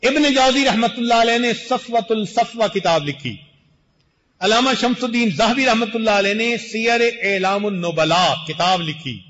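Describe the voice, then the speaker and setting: A man's voice: high voice, a bit bright. Older man preaching in a reverberant hall. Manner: measured, deliberate preaching with slow emphatic phrases. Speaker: Sufi sheikh preaching. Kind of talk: sermon. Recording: muffled recording in a reverberant hall.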